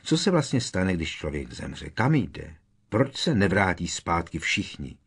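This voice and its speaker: A man's voice: deep voice, sing-song, gravelly, breathy edge, heavily acted. A man voicing an agitated teenage boy wizard who presses with urgent, pleading questions in an audiobook. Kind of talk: audiobook character reading.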